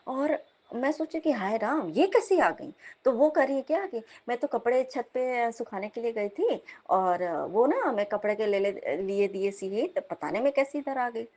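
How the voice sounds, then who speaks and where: A young woman, telling of a dream as devotional testimony in a lively storytelling manner, often turning to her listeners. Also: fairly high pitch, moderate pace, hardly any pauses. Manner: animated storytelling, repeatedly addressing listeners. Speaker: devotee sharing a dream at satsang.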